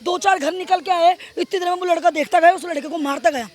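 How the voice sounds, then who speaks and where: Brief: rapid, shrill-pitched woman witness, emphatic, outdoor street interview. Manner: animated, emphatic recounting. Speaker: eyewitness.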